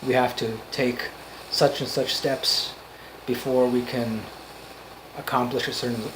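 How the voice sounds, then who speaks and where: A man giving an off-the-cuff motivational monologue, earnest and emphatic, in halting phrases that repeat for emphasis. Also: mid-range voice, little pitch movement, background noise. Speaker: amateur motivational speaker.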